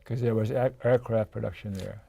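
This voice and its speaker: A man's voice: on the low side, steady tone, fairly quick, creaky, warm tone, husky. An older man hosting an interview, asking questions in a chatty way with joking asides. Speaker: interview host.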